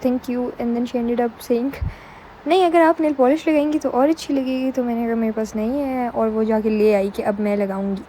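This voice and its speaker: Mellow-voiced young woman vlogging casually. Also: a little high, a little hiss or hum, poor audio. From Pakistan. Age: young adult. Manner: chatty, mixing Urdu and English mid-sentence. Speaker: student vlogger. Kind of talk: casual vlog voice-over.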